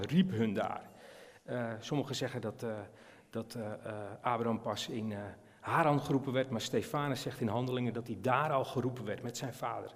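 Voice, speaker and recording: A man's voice: medium pitch, a little mellow. A man with a Dutch accent giving an informal sermon in a church, chatty and hesitant, with many fillers and questions to the congregation. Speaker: preacher. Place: church hall. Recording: long church reverb.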